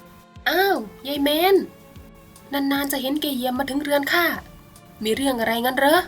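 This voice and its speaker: A woman voicing a greedy, sneering rich old man from the village in a bedtime storybook, who talks slowly and smugly. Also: high voice, faint music behind, voice pushed up, lightly acted. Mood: mocking. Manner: mocking, slow and smug.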